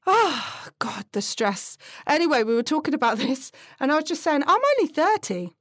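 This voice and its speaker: A woman's voice: sits high, animated, moderate pace, dry recording, studio quality. A British woman in her early thirties who says her R's like W's, ranting casually and comically with exasperated emphasis and swearing. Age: early 30s. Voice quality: cannot say her R's, which sound like W. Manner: exasperated, emphatic, sweary, repeating words for effect. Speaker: podcast host. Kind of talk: casual comic rant to a live audience.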